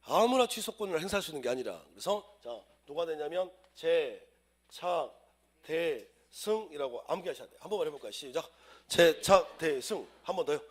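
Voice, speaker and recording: A man lecturing on civil law to exam students, with a slightly raised voice. His pitch swings widely as he drills the class in call-and-response chants. He acts out little household scenes to explain the rules. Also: very animated, brisk, slightly rough.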